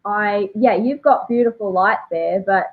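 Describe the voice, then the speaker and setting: A woman's voice: mid-range voice, measured pace. A woman in her thirties with a broad Australian accent, chatting casually and jokily as an interview guest over a video call. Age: 30s. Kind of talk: casual chat. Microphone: remote video call. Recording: thin, phone-like call audio.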